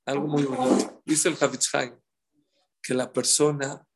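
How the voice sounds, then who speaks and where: A middle-aged man giving an animated storytelling sermon, addressing his audience directly. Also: medium pitch, measured pace, very noisy. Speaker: religious speaker.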